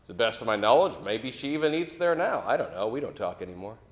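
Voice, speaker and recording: A middle-aged preacher tells a story during a sermon in an animated, fast, mid-range voice, with reverberant sound. He talks conversationally, puts questions to his listeners, and gets loud when quoting anger.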